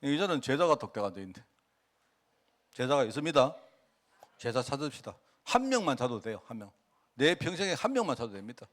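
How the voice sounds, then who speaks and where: Animated Gyeongsang-accented male pastor. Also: medium pitch, fairly quick, pauses often. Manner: animated, colloquial, quotes people in dialogue. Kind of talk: sermon.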